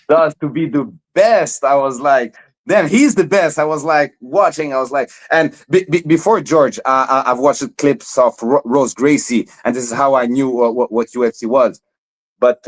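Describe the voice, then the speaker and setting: A young man from Montreal, Canada, appears as a fighter guest in a casual interview, speaking at a medium pitch. He stammers and often repeats words, and the audio quality is poor.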